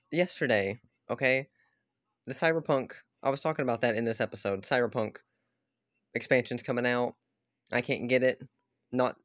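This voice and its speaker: A man rants casually about games, cursing freely and laughing at his own complaints. His voice sits at a middle pitch. The recording is dry and close, with no room sound. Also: no room sound. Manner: swearing, animated, self-deprecating, laughs often. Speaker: YouTuber ranting about games. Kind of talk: casual rambling rant.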